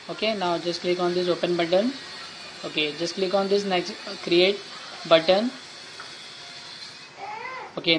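A man giving a plain step-by-step software tutorial over a screen recording, with frequent fillers and restarts. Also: high-pitched, slight background noise, poor audio. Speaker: tutorial host.

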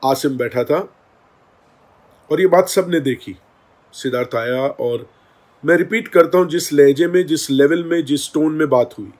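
Animated, opinionated male vlog host. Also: a little high. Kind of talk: commentary vlog.

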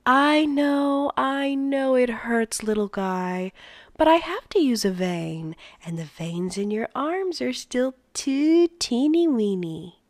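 A woman voicing a gentle male nurturer father who coos at newborns in a cheerful baby-talk voice. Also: sits high, animated, slow, no room sound, studio quality, pitched above the performer's own voice, full character voice. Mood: cooing.

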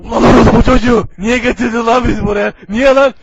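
A man voicing a furious, crudely swearing man caught in nets, for a comedic fan dub, shouting constantly. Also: very high voice, fairly quick, muffled recording, very noisy. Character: furious foul-mouthed man trapped in nets.

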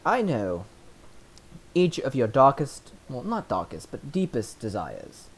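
A man voicing a young male sapphire dragon, booming and halting with ums. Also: huge pitch swings, breathy edge, exaggerated voice. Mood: scheming.

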